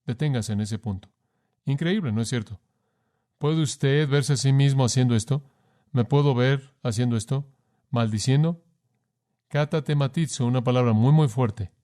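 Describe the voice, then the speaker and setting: A man's voice: mid-range voice, normal speed, long pauses, warm tone. A man delivering a sermon as a preacher, speaking emphatically and putting rhetorical questions straight to his listeners. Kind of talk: sermon, voiced in Spanish.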